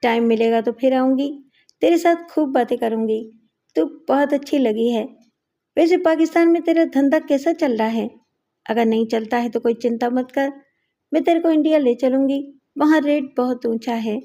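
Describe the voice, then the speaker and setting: A woman voicing a brash, chatty gang woman who talks coarsely and teases loudly. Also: sits high. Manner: loud, teasing, coarse talk.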